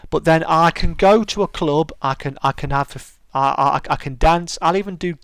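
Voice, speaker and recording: On a live stream, a man with a smooth, soothing voice chats with viewers, reading their comments aloud and replying. His pitch is on the high side and his tone fairly bright, at a moderate pace on a dry recording. He's friendly and chatty but often stammers and starts over.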